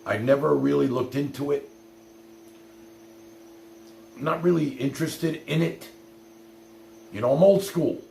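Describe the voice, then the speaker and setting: In a roomy space with faint hum and noise, a middle-aged host casually tells viewers personal stories, blunt and rambling, with some swearing and plenty of "you know." The voice is on the high side, creaky yet mellow, delivered at a measured pace with long pauses.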